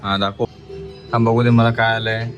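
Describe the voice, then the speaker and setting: A man's voice: mid-range voice, level tone, normal speed, music in the background. A man vlogging about his family, talking to viewers while firmly coaxing and teaching his small child at mealtime. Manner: coaxing and firm, teaching a toddler.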